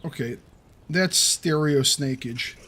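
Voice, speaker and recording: A man's voice: fairly high pitch, slow pace, pushed and bright, slightly rough. A young adult man giving playful let's play commentary, taunting the animals in his game. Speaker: gaming video host.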